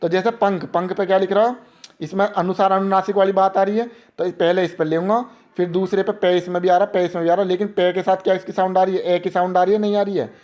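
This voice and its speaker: A young man teaches an exam-prep grammar lesson, posing questions and answering them himself while slowly repeating example words. His voice sits high, with a level, darkish tone.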